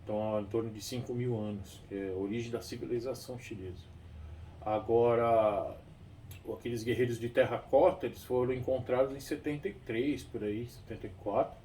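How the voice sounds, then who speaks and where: A man's voice: medium pitch, fairly even intonation, brisk, dark tone. A man with a Brazilian Portuguese accent, a kung fu teacher explaining at length, rambling and often adding tag questions and restarting. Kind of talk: explanatory talk. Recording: distant mic with faint background noise.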